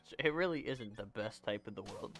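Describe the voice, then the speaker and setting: During a casual gaming livestream, a twenty-year-old man rambles, fixes his own wording, and answers chat as he plays. His voice is fairly low but bright-ish, with lively intonation and a brisk pace. Faint music sits behind him.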